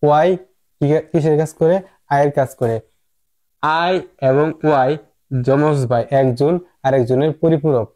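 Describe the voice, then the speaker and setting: A man, an English teacher giving a slow phonics lesson, repeating words and asking rhetorical questions. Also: on the high side, steady tone, mellow.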